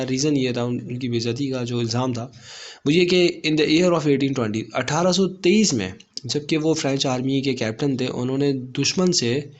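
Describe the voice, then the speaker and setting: A man teaching a lesson, explaining a play step by step and mixing in English phrases. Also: medium pitch.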